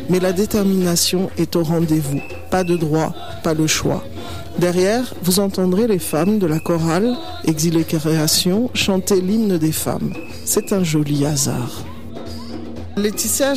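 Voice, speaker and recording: A woman hosts a radio interview, introducing her guest before asking questions. Her questions are gentle and unhurried, with small hesitations. Faint music runs underneath. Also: on the low side.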